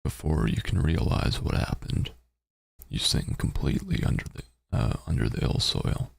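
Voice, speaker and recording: A man streaming a game, reading its story text aloud and adding halting, muttered casual commentary. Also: huge pitch swings, dry recording. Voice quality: very deep, gravelly, husky.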